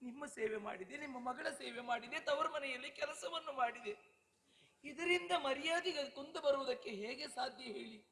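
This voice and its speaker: A gentle, dutiful young princess consoles her weeping stepmother in a high, very bright voice. Her speech is earnest and full of questions. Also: normal speed, exaggerated voice. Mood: earnest consoling. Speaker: Yakshagana actor in female role. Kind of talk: live Yakshagana stage dialogue.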